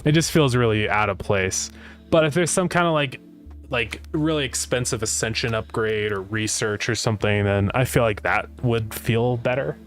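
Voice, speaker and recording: A man's voice: medium pitch, moderate pace, a bit bright. Man with retainer-slurred speech, music behind. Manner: rambling, thinking aloud. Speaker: game developer livestreamer. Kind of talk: casual livestream chat.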